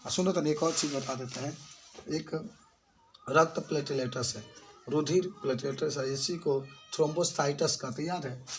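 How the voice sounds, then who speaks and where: A man's voice: a little high, steady tone, unhurried, slight background noise. A male biology teacher gives a colloquial classroom lecture. He keeps asking his students questions and then answering them himself. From eastern Uttar Pradesh, India.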